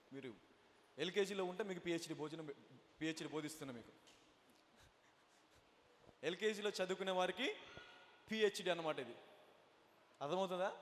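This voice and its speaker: Man, pastor, sermon, very high voice, rhetorical questions, mixes in English, long church-hall reverb. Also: slight background noise. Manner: preaching with rhetorical questions, mixing in English phrases.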